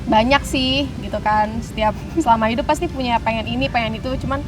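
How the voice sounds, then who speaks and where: A woman's voice: fairly high pitch, steady tone, fairly quick, over music. A 21-year-old woman, a radio intern chatting casually and giggling in an interview. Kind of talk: casual chat.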